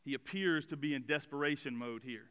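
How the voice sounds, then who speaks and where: Bright, clear pastor in his forties. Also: a little high, fairly quick. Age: 40s. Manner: conversational, relaxed preaching with fillers. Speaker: student pastor. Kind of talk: sermon. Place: church sanctuary. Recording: long hall reverb of a church.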